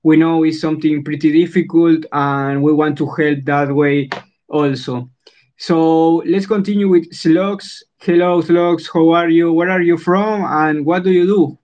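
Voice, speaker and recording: A man with a somewhat high voice hosts an online talk, eager and a little halting, often repeating himself. The sound is dull and lo-fi, like a web call. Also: steady tone, a little mellow. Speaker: host. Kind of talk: hosting an online audio talk.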